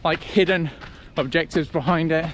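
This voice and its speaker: A man talking casually to camera as a running vlogger, in a reflective, conversational way with halting short phrases. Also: fairly high pitch, fairly bright tone, slight background noise. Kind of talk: casual vlog talk to camera.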